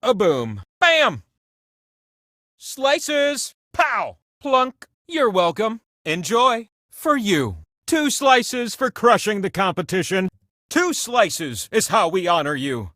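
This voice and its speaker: A giant talking wheel running a video game quiz show. The voice is high and swoops all over with boastful, theatrical flair. It teases players playfully in a grand, folksy way, captured very dry and close. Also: male voice, very animated, slow pace, sharp tone, no echo, exaggerated voice. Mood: showy, playful. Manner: grandiose, teasing, folksy showmanship.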